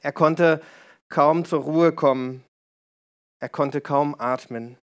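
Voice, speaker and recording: A man's voice: on the high side, fairly even intonation, slow pace, clean tone. A man with a slightly raised voice delivers a storytelling sermon. He explains things in a conversational way and turns to his listeners with small asides.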